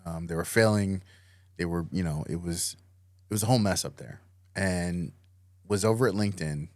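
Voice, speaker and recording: A Marine veteran, appearing as a podcast guest, talks in a low voice at normal speed in a casual interview conversation. He's easygoing and leans on lots of "you know" and other fillers, and the recording is dry and studio quality.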